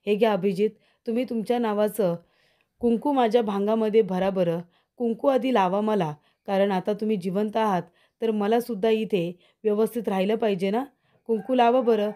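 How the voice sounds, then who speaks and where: A woman voicing a devoted young wife who gently coaxes her husband and stands firm against the family. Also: medium pitch, steady tone, normal speed, natural voice. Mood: coaxing. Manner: coaxing, tender toward her husband.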